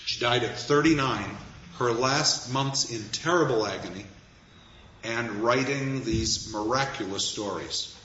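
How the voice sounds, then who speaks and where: A man's voice: medium pitch, a little slow, sharp tone, slight background noise. A man giving an anecdotal lecture, a wry storyteller who chuckles at his own asides. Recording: echoey, dull room recording with faint ambience.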